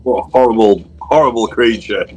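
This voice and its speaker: A man's voice: on the low side, fairly quick, dark tone, faint music behind, low-quality recording. A man playing a tabletop game, improvising casual, rambling, tongue-in-cheek banter.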